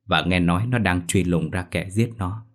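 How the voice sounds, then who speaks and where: A man's voice: sits low, moderate pace, natural voice. A man voicing the tearful ghost of a drowned young man, speaking through a medium in a ghost story. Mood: sorrowful. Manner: tearful, pleading.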